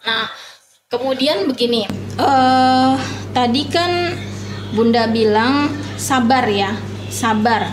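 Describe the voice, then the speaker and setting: Woman host chatting over steady background noise. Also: on the high side, slow, long pauses, roomy sound. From Indonesia. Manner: agrees constantly with soft affirmations. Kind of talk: casual talk show conversation.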